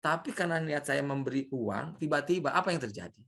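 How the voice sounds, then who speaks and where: A man's voice: fairly high pitch, lively intonation, fairly quick, vocal fry, fairly bright tone, breathy edge. Chatty man giving a leadership lecture. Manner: chatty, poses rhetorical questions to the audience. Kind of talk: informal classroom lecture with anecdotes.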